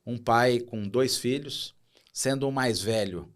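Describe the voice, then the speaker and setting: A man's voice: mid-range voice, slow pace. A middle-aged man, a podcast guest, telling a story with feeling and acting out the people in it. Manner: lively storyteller who acts out quoted dialogue. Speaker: guest, operations director.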